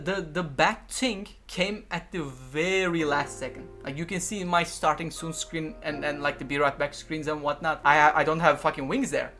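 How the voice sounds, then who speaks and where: Young man, high voice, casual profane streamer banter, faint music under. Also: a bit bright. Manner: rambling, profane, repeats himself. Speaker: VTuber streamer.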